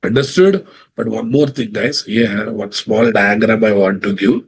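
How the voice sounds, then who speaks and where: A man's voice: lowish voice, unhurried, vocal fry, slight background noise. A man with a Telugu Indian English accent teaching an informal live online class as an instructor, repeating phrases and checking understanding with questions. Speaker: software instructor.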